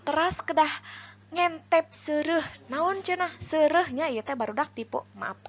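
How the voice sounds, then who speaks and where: A woman's voice: high voice, unhurried, highs cut off. A woman teacher explaining a lesson step by step, asking questions and answering them herself.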